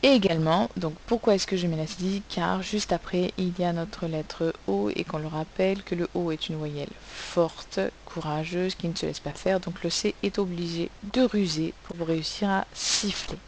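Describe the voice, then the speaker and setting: A woman's voice: on the low side, fairly even intonation, normal speed, few pauses, a little hiss or hum, poor audio. A woman teacher giving a recorded spelling lesson to children, patiently spelling words out sound by sound. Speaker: primary school teacher.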